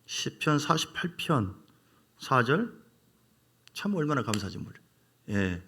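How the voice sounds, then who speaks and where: A middle-aged male pastor delivers a sermon in a gravelly voice at a middling pitch. He preaches in a lively, playful way, often leaping up in pitch for emphasis. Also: takes it slowly, slight background noise.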